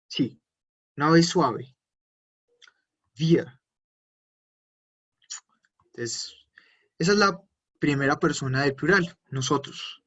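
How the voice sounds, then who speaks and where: A man teaching an online language class, patiently repeating words slowly for his students. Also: on the high side, fairly bright tone, highs cut off. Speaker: German teacher.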